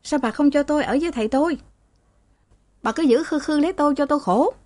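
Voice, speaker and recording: A surly young man in an audiobook story snaps at his mother in quick, raised, sulky bursts, as a woman narrator puts him on. His lines come fast and pitched up above the reading voice, with a dry, close sound and no room around it. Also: a little mellow, no echo, natural voice. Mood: sulky, defiant.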